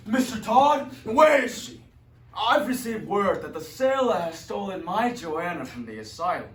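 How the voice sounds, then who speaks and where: A man's voice: sits high, sing-song, a little slow, slight background noise. A man playing a pompous, cruel judge who speaks in a haughty, commanding way and bursts into anger. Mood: stern. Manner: haughty and commanding, with angry outbursts. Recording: echoey room, distant mic.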